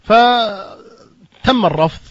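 A man's voice: high voice, drawn-out words, fairly bright tone, no room sound. A man, an Islamic preacher from Kuwait, recounting an anecdote and acting out the dialogue with rising emphasis. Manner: recounts events plainly, acts out quoted dialogue with rising emphasis. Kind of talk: storytelling anecdote in a talk. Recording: dull lo-fi recording.

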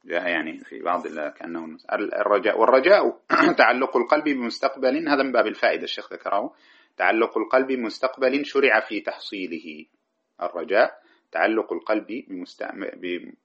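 Here a man with a lowish, husky, slightly bright voice teaches a classical grammar text as a lecture. He explains each line in turn, chants the verses he brings in, and fixes his own wording partway through sentences. It's a dull lo-fi recording.

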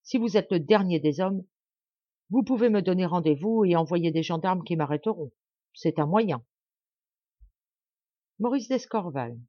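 A woman voicing a proud, furious young male nobleman, declaiming forcefully in a dull lo-fi home recording. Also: fairly low pitch, animated, a little slow, long pauses, no room sound. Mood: cold, grave.

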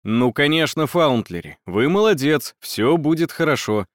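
A man voicing a calm, resolute male schoolteacher who speaks briskly and reassuringly. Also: on the high side, no room sound, studio quality, lightly acted. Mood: soothing.

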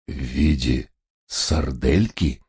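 A man voicing a dim-witted, easily frightened man who drags his words out in a hoarse, whimpering mumble. His voice sits deep and low, and it sinks softer whenever panic sets in. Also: measured pace, heavily acted. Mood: bewildered. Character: jittery dim-witted man, fearful and whiny.

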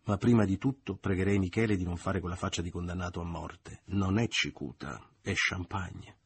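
A man's voice: low voice, fairly even intonation, moderate pace, slight background noise. A man doing a smug jovial toastmaster. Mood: ironic cheer. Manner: loud, ironic toasting. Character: smug, jovial middle-aged man, lover of the mother. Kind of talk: audiobook character voice.

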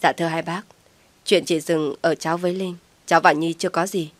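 A woman voicing a guilt-ridden young man who speaks quietly and formally with a choked voice. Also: on the low side, steady tone, brisk, no echo, close to an everyday voice. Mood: subdued.

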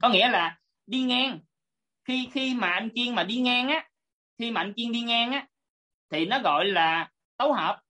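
A woman's voice: on the high side, measured pace, pauses often, bright, forceful tone. A woman teaching an online class over a video call, politely explaining step by step and repeating her points.

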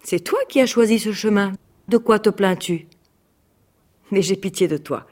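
A reader voicing a wise, gruff grey wolf in a read-aloud fairy tale, stern but kind. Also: mid-range voice, normal speed, darkish tone, close to an everyday voice. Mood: calm counsel. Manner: stern but kindly, scolding.

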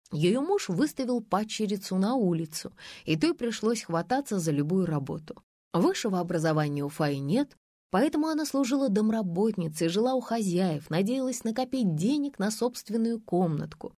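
Expressive woman audiobook narrator. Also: mid-range voice, dry recording, clean studio sound. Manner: lively, expressive first-person reading. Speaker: audiobook reader.

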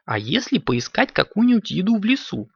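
A man voicing a calm, caring mother cat who explains things gently, on a dull lo-fi recording. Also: sits high, brisk, gravelly, slightly rough, no room sound, voice pushed up, full character voice. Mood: gentle.

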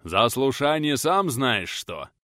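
A man voicing a big red-bearded guard, dutiful and blunt, speaking loudly and insistently. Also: mid-range voice, very animated, slow pace, no echo, studio quality, pitched above the performer's own voice.

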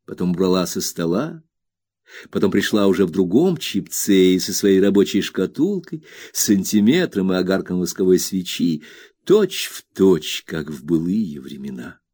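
A man narrating an audiobook in an expressive storytelling manner. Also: sits low, normal speed, slightly rough. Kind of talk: scripted narration.

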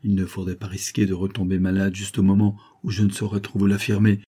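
A sly, sweet-talking adventuress from an old serial novel, as a male narrator puts her on in a raised, softened voice. She coaxes and reassures with false gentleness. The delivery stays husky and dark underneath. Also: mid-range voice, moderate pace, pitched above the performer's own voice, lightly acted. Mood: coaxing.

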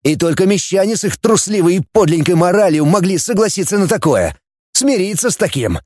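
A man's voice: high voice, sing-song, fairly quick, darkish tone, dry recording, studio quality, voice pushed up. Man voicing cynical sardonic outcast man. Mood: scornful. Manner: sardonic, scornful ranting.

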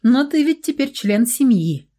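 A cheerful, teasing young vampire, voiced by a woman reading a story jokes in a lively, bouncing voice. The timbre stays soft and mellow. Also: fairly high pitch, unhurried, pitched above the performer's own voice.

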